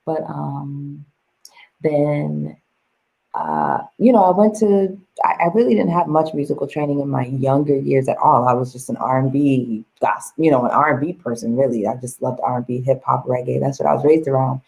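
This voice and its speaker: Woman, low gravelly voice, husky, animated casual interview talk. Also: normal speed, poor audio. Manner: animated, laughing, acts out quoted voices. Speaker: guest, vocal coach.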